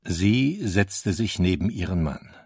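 A man narrating an audiobook in a measured, even storytelling manner. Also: low-pitched, breathy edge, no room sound, studio quality. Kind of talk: scripted narration.

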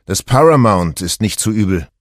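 Cast: male reader as a laid-back husband in his forties, low voice, raised a bit, dry recording. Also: animated, normal speed, dry recording. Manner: easygoing, speaking up over noise. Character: relaxed husband, man, 40s, stuck in a crowd.

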